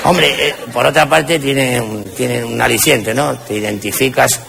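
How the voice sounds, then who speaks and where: A man's voice: medium pitch, measured pace, gravelly. A man with a Spanish accent doing crude, punchy stand-up comedy, recorded live with audience noise. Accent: Spain.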